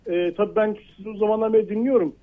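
A man's voice: sits high, steady tone, very fast. A middle-aged man calling into a radio show over a landline phone, earnest and hesitant, with lots of filler sounds, repeating his point. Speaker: caller. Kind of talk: call-in on a radio talk show. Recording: narrow tinny phone line.

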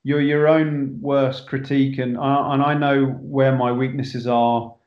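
A filmmaker speaks earnestly as a guest in a casual podcast interview, frequently starting his sentences over. His mid-range voice has little pitch movement and runs a little slow, carried on an echoey, dull remote line.

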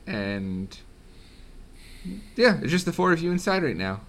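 Brief: male game master, animated storyteller, bright crisp tone. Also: on the high side. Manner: lively, quick narration with playful voices. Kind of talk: narrating a tabletop game.

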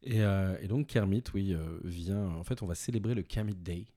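A man speaks as an interview guest in a fairly low, warm and mellow voice. He hesitates often, restarting his sentences, and laughs easily. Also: normal speed. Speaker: executive director of a watch brand, guest. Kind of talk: podcast interview answers.

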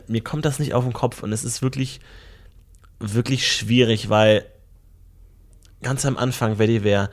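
A man talking through ideas in a relaxed podcast chat, thinking aloud and repeating words as he searches for them. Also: medium pitch. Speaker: podcast co-host. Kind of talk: casual chat.

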